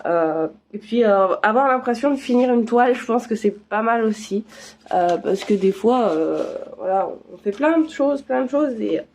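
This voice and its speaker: A woman's voice: mid-range voice, a little mellow, slight background noise. A woman vlogger chatting casually through a craft unboxing, full of fillers and restarts.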